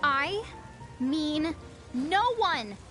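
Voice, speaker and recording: A bossy big sis in a game, high voice, pushy and quick. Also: female voice, lively intonation, fairly bright tone, soft background music, heavily acted. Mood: urgent. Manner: brisk, insistent. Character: bossy impatient young woman, big sister.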